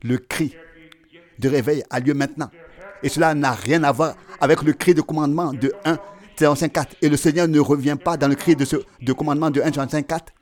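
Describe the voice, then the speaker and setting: A man preaching a sermon, emphatic, with a sing-song cadence that swings between loud declarations and hushed asides. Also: fairly high pitch, steady tone, a little fast.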